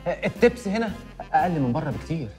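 An actor playing a cheeky, tip-hungry hotel porter with an Egyptian accent, fawning and then stubborn. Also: male voice, on the high side, very animated, rapid-fire, a little mellow, in a large hall, soft background music. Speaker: hotel bellboy. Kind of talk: TV comedy series acting.

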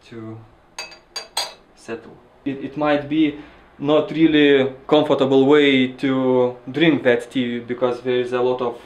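Young guy w lithuanian accent explaining stuff slowly, kinda halting, echoey kitchen. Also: mid-range voice. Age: 20s. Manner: hesitant, halting with repeated words. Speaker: student interviewee. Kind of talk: casual explanation to camera. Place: small indoor kitchen. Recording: echoey kitchen with audible background noise.

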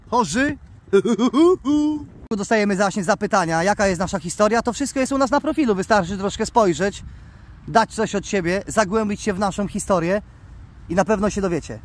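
A man vlogging outdoors by the water, excitedly coaxing his pet bird and calling its name. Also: high voice, normal speed. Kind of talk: casual outdoor vlog.

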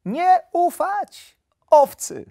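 A man voicing an excitable, easily distracted little hare in a storybook, with a squeaky, shrill voice. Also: very slow, gravelly, no room sound, studio quality, full character voice. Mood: eager. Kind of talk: audiobook character voice.

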